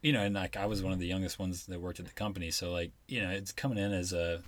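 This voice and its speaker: Deep-voiced laid-back guest. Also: male voice, steady tone, fast. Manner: laid-back, joking, rambling with fillers. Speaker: guest, former coworker. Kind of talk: casual interview chat.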